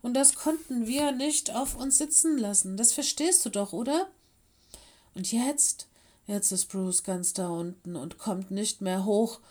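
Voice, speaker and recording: A woman's voice: mid-range voice, moderate pace, dark tone, lightly acted. A woman reading an audiobook, voicing a scared young male ice wolf who stammers and pleads through sobs. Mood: tearful pleading. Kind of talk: audiobook character voice.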